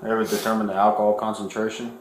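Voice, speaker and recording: A man, a police officer speaking calmly and firmly during an arrest. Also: lowish voice, quick pace. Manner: calm, firm and repetitive. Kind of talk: arrest procedure. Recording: echoey room with background noise.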